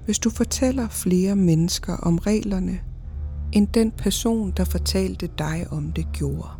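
A woman voicing a frightened young boy in whispered role-play, hushed and quiet throughout. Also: fairly low pitch, soft background music, lightly acted.

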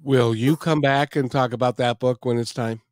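A man's voice: medium pitch, steady tone, moderate pace, no echo, studio quality. A man hosting a talk show, chatting in a friendly way with a guest and closing the episode. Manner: friendly, chatty, repeats words. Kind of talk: casual interview and show outro.

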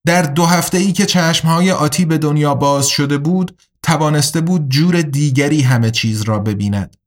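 A man reads a novel aloud in a measured, even storytelling way. His voice sits a little higher than most men's. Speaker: audiobook narrator. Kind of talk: audiobook narration.

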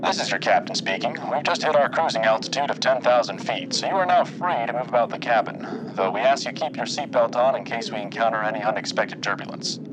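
A man playing an airline captain who makes a relaxed, unhurried announcement to the passengers in the cabin. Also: medium pitch, noisy background, lightly acted. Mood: calm.

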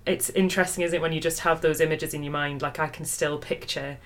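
A woman with a low voice chatting casually about a favorite childhood book. She sounds lively and laughs easily. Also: fast. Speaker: book podcast co-host. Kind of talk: casual chat.

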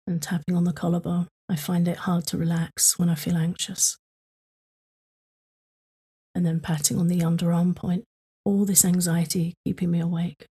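Soft, breathy woman guiding calm tapping. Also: on the low side. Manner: slow, soothing, repetitive prompts. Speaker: tapping guide. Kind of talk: guided tapping meditation for sleep.

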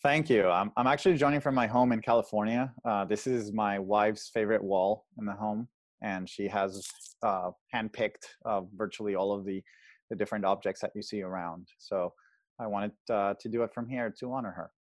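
Man, 30s, from Venezuela; interview guest speaking from home on a video call; halting, filler-heavy delivery, lower voice. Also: steady tone, dry recording. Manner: hesitant, many fillers and restarts. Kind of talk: casual interview storytelling. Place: home, indoors.

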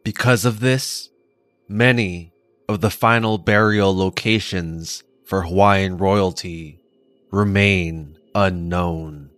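A man narrating a story in a slow, measured way. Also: low voice, a bit bright, no room sound.

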